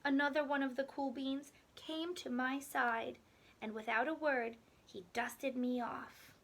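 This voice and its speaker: Slow, high-voiced woman reading a storybook. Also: slight background noise. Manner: expressive, deliberate storytelling with dramatic pauses. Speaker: teacher reading aloud. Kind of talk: children's picture book read-aloud.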